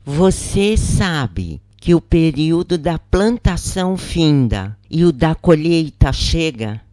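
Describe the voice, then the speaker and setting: A narrator with a Brazilian accent reads a scripted first-person spiritual account, measured and deliberate, with short pauses between phrases. The medium-pitched voice is warm and very animated, captured in a dry, clean studio recording.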